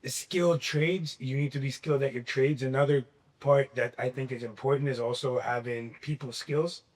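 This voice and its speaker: A man talks loosely about his experience, his speech full of fillers. His voice is husky and not clear. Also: medium pitch, fairly even intonation, moderate pace, a little mellow. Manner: casual, lots of fillers like "like" and "you know". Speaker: former trades student. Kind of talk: candid panel talk.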